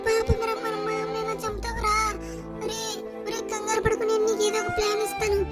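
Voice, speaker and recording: A performer voicing a calm, reassuring cartoon robot cat who soothes a panicking friend. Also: extremely high pitch, a little fast. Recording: loud background game music.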